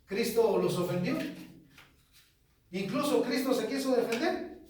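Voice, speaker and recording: A man pastor teaching a sermon, measured, repeating key phrases and putting questions to the congregation. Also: very high voice, lively intonation, a little mellow. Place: church hall. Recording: echoey church from far off.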